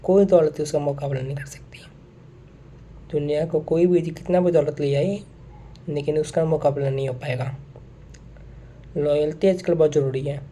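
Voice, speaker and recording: A young man with a very dark, mellow voice talks to his viewers in an earnest, unscripted monologue. He circles back over his points and drops English phrases into his speech. A faint hiss of noise sits under him. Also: fairly high pitch, steady tone, moderate pace, pauses often. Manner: earnest, repeats himself, mixes in English phrases. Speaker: vlogger. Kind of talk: casual monologue to camera.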